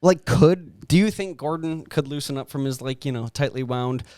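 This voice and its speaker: A man's voice: a little high, moderate pace, warm tone, no echo, clean studio sound. Hesitant, wry man in casual chat. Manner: hesitant, restarting, wry contrarian. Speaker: podcast co-host.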